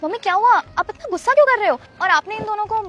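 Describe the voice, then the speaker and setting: A pampered young daughter, as a young woman plays her, speaks in a high, bright voice that swings up and down. Her tone is whiny and coaxing. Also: expressive, fast, highs cut off, faint music behind. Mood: worried. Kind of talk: amateur web drama acting.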